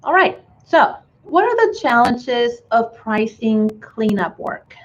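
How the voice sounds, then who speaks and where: With a slightly high, sing-song voice and a slight Chilean Spanish accent, a woman from Chile runs a friendly bookkeeping webinar at a slow pace. She leans heavily on fillers and often restarts her sentences. The recording has its highs cut off.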